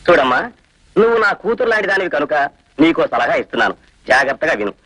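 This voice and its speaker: A fatherly doctor gives advice in a quick, bright voice. His pitch is lively and slightly husky. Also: no echo, rough recording. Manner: calm, paternal advice. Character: fatherly male doctor advising a young woman. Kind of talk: Telugu film acting.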